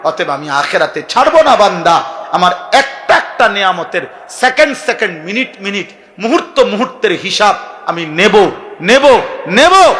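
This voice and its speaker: A man from Bangladesh preaching a sermon with a Bangladeshi Bengali accent, fervent and repetitive, rising to loud emphatic peaks. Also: sits high.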